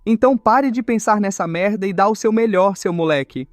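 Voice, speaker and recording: A man's voice: high-pitched, brisk, dry recording, clean studio sound, faint music behind, lightly acted. A man playing a cocky young male fighter who teases and taunts. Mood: mocking. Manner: teasing, taunting.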